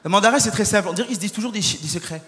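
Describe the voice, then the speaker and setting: A young man doing a stand-up set for a live crowd on a hall stage, energetic and quick, often shouting and putting on voices. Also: high voice. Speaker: stand-up comedian. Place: large hall on stage before a live audience. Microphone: stage microphone. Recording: live hall recording with long reverb.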